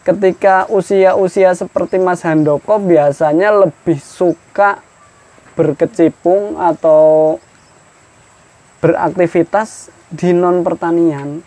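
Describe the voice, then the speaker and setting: This man's high-pitched voice is slow, steady and warm as he hosts a casual farm interview inside an outdoor greenhouse on a hillside. He's in his thirties, works as a podcast host and agricultural extension worker, and keeps the chat friendly while asking many leading questions.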